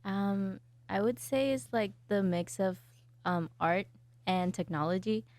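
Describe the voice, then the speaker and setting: A young woman from El Salvador who studies graphic design answers interview questions softly and hesitantly, with many fillers. Her voice has a medium pitch and a measured pace, and the recording is dry.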